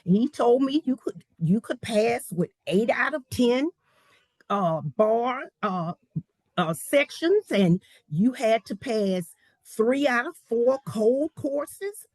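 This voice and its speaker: A woman's voice: a little high, animated, slow, a little mellow, no room sound. A woman, a law professor telling a story in an interview and acting out the people she quotes. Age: 60s.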